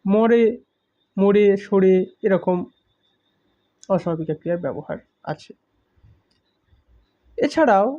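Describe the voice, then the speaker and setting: A man teaching a grammar lesson, explaining slowly with examples and stressing key words. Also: high voice, warm tone. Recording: muffled lo-fi recording.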